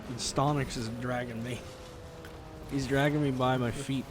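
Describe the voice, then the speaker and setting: A man's voice: medium pitch, fairly even intonation, moderate pace, noisy background. A man hosting a live stream of a racing game, chatting casually and rambling with frequent laughs. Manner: joking, rambling, laughs often. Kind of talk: casual gaming chat. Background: loud game music.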